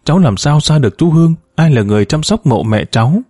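A man's voice: fairly high pitch, animated, fast talker, warm tone, slightly rough, dry recording, clean studio sound, pitched above the performer's own voice. A man voicing a grieving young woman who pleads through tears in a spoken story. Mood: tearful.

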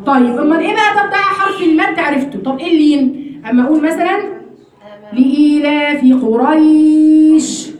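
Egyptian woman, recitation teacher, high voice, patient step-by-step explaining, roomy and distant sound. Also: rapid-fire. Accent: Egyptian Arabic. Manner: explains step by step, keeps checking if students follow. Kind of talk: classroom lesson on recitation rules.

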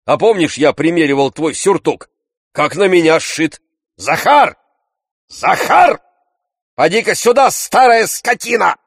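A man voicing a coarse, blustering middle-aged freeloader who shouts his demands, recorded dry in an audiobook. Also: medium pitch, big pitch swings, slow pace, no echo, voice pushed up, exaggerated voice. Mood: bellowing.

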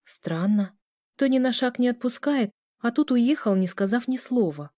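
A woman voicing a weary young pregnant student who complains softly. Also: a little high, animated, normal speed, no echo, clean studio sound, pitched above the performer's own voice.

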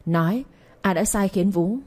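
A woman's voice: mid-range voice, measured pace, darkish tone, lightly acted. A woman reading the part of a young master who sternly interrogates a servant. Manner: cold, commanding questioning.

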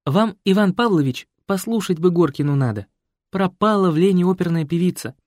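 A man's voice: high-pitched, lively intonation, fairly quick, a little mellow, no room sound, studio quality, pitched above the performer's own voice. A man voicing an earnest, chatty young village woman in an audiobook. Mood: eager. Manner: eager, chatty, pleading. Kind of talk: audiobook character voice.

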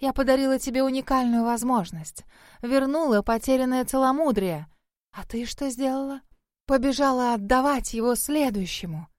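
A woman's voice: sits high, moderate pace, a little mellow, no room sound, voice pushed up, lightly acted. A woman narrator puts on a cranky female spirit who lives in a well. She grumbles and scolds in a slightly raised voice. The sound is dry and close. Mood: grumbling, scolding.

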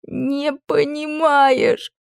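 A woman voicing a hot-tempered young princess who shouts and sobs through her lines. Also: medium pitch, lively intonation, unhurried, dry recording, clean studio sound. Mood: furious, sobbing.

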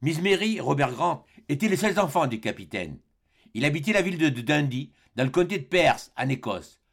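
Gravelly male audiobook narrator. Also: a little high, fairly bright tone. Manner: measured storytelling with small slips. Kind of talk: reading a classic adventure novel aloud.

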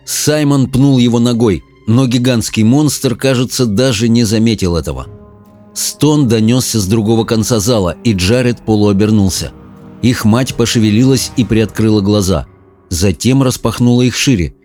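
A man narrates an audiobook in an expressive, dramatic storytelling style, using a mid-range voice at normal speed. Soft music plays in the background.

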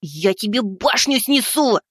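In this storybook reading, a panicked young man screams threats in a shrill, frantic voice. His pitch sits high and swings wildly. The sound is dry and close. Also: lively intonation, a little slow, fairly bright tone, husky, dry recording, full character voice. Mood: defiant. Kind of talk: audiobook story narration.

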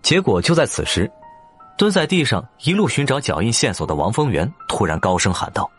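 A man narrating an audiobook in an expressive storytelling manner. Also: fairly low pitch, brisk, soft background music. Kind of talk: scripted narration.

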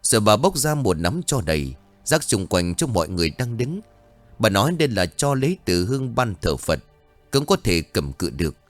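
A man narrating a scripted horror story in an expressive, dramatic way. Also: lowish voice, normal speed, no room sound, faint music behind.

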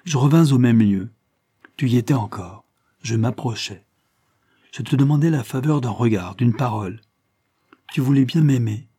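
A man's voice: medium pitch, normal speed, long pauses, mellow, slightly rough, no room sound, clean studio sound, lightly acted. A man voicing a young male guerrilla leader in an audiobook, speaking with impassioned, pleading intensity. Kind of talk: audiobook character reading.

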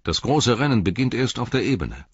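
A man reading the lines of an old king, grave and commanding, measured in his speech, in a dull lo-fi audiobook recording. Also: medium pitch, very animated, slightly rough, no echo, pitched above the performer's own voice. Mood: kindly firm.

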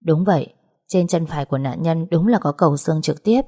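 A senior male police officer dictates crime-scene details in a brisk, low, mellow voice, as a woman narrator reads him. He sounds matter-of-fact. It is audiobook storytelling.

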